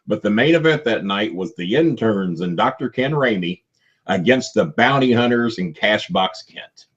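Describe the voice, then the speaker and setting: Man, excitable storyteller, voice climbing high with excitement, muffled lo-fi sound. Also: moderate pace, slightly rough. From Kentucky, USA. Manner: animated storyteller, voice jumps high when excited. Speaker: wrestling manager guest. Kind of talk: storytelling interview.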